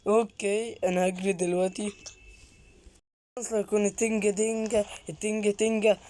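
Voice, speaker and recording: A man with an Egyptian accent, hosting a gaming channel and narrating a horror game, jumpy and quick to yelp and repeat words when startled. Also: high-pitched, flat delivery, darkish tone. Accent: Egyptian Arabic.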